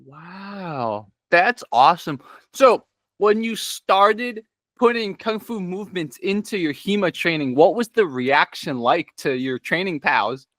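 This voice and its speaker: A man's voice: high-pitched, expressive, a little slow, fairly bright tone, dry recording, clean studio sound. Upbeat male interview host. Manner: upbeat, enthusiastic. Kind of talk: casual interview.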